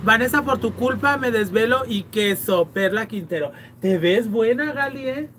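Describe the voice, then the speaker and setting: Mexican woman livestream host, high voice, teasing and crude, reads comments, faint noise behind. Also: lively intonation, normal speed, a bit bright. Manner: chatty, teasing, playfully crude. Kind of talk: livestream chat, reading viewer comments.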